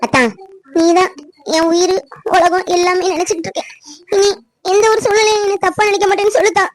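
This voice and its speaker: A woman's voice: very high-pitched, steady tone, fast talker. A woman voicing a young village woman who pleads tearfully with her cousin. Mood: hurt. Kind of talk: cartoon drama.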